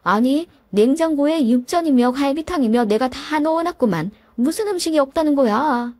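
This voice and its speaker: Fatherly older man, as a woman puts him on, voice dropped lower, dry close sound, for a spoken story. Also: animated, normal speed, dry recording. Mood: stern. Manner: gentle, fatherly. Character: kindly older father-in-law, gentle then stern.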